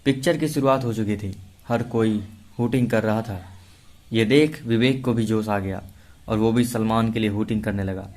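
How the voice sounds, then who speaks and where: A man's voice: lowish voice, normal speed. A man giving a scripted story narration, telling a serialized romance and acting out every character himself. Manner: steady storytelling, acting out all voices.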